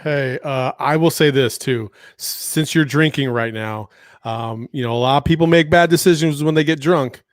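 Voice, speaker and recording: A man's voice: a little high, normal speed, no echo, clean studio sound. A man co-hosting a podcast, telling stories with lots of laughter in casual chat. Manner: laughing, animated storytelling. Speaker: podcast co-host.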